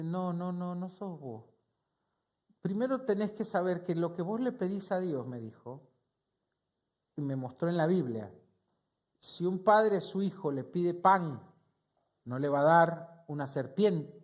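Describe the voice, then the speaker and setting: A male pastor with a Rioplatense Spanish accent preaching, telling a personal story and acting out the conversation. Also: high-pitched. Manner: storytelling, acts out dialogue with voseo. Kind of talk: sermon with personal testimony.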